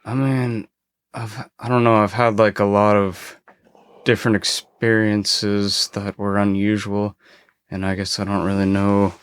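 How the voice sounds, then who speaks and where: A man on a podcast, a former forest ranger, casually telling a story with frequent swearing and halting restarts. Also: fairly low pitch, level tone, clear, resonant tone, no echo, studio quality.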